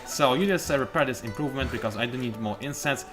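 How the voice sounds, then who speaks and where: A let's play host gives chatty, joking commentary while playing a strategy game, thinking aloud and mocking himself. His voice is mid-range and quick, with music playing in the background.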